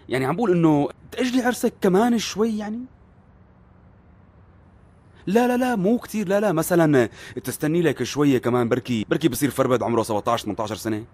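A jittery middle-aged father with a Syrian accent in a dubbed TV drama. He rattles on at a breakneck clip in a husky, slightly high voice, always on the defensive. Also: expressive, fast talker, darkish tone. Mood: flustered. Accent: Syrian Arabic. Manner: flustered, talks over others and protests. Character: fretful divorced father, defensive and excitable.

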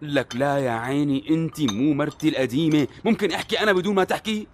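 A man's voice: a little high, fast, slight background noise, natural voice. An actor with a Syrian accent playing a fretful, defensive middle-aged divorced father who talks over others and protests. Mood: flustered. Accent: Syrian Arabic.

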